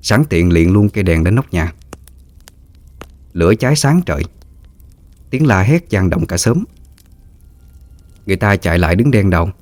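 A man with a Southern Vietnamese accent telling a story in a steady, plain way. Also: deep voice, normal speed, long pauses. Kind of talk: storytelling narration.

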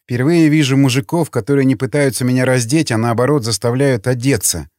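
A man voicing a battered, frightened young woman who speaks quietly on the edge of tears. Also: mid-range voice, fairly even intonation, fairly quick, no echo, studio quality, lightly acted.

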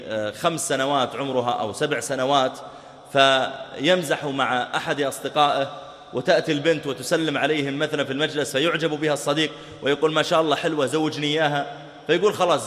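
A man delivers a rapid, lively religious lesson. He acts out little exchanges between people as he explains the rulings. His slightly high voice rings out in a roomy hall with a long reverb. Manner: fast, animated teaching with acted-out example dialogues. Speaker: Islamic preacher. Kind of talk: recorded religious lesson on jurisprudence.

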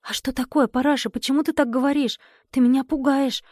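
Scared young storybook girl, voiced by a woman: raised pitch, pleading tone. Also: brisk, a little mellow, no room sound, clean studio sound, natural voice. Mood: anxious. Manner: anxious, pleading. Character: frightened young village girl.

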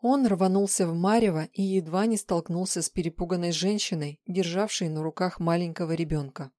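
Low-voiced woman narrating an audiobook. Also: steady tone, brisk, dark tone, dry recording, studio quality. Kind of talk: scripted narration.

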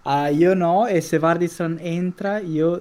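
A man's voice: on the high side, measured pace, a little mellow. A man chatting casually as a player in a tabletop game. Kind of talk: casual chat during a game.

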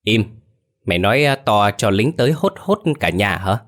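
A weary young villager, stern and protective, gives curt, hushed orders, as a man reads him. The voice is deep and low, and it barely strays from the narrator's own. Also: expressive, moderate pace.

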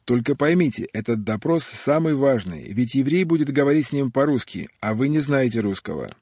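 A man's voice: mid-range voice, expressive, brisk, a little mellow, slightly rough, dry recording. A man voicing a smug, commanding male general in an audiobook. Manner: self-satisfied, commanding.

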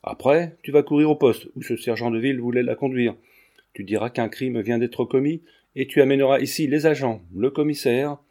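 A man reading the part of a brave, decisive young gentleman who speaks firmly and brusquely, in an audiobook. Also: mid-range voice, fairly quick, lightly acted. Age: young adult. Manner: firm, brusque.

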